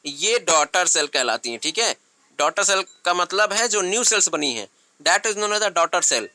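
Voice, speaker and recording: In an online biology lecture, a man with a high, lively voice speaks at an unhurried pace, his tone pushed and bright with no echo. He mixes English terms into Hindi, poses questions and answers them himself, and often says "thik hai."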